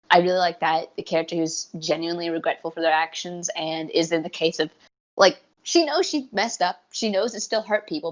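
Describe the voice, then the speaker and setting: A woman's voice: fairly low pitch, dull audio. A woman co-hosting a podcast in casual chat, eager and rambling, often restarting her sentences. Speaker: podcast co-host.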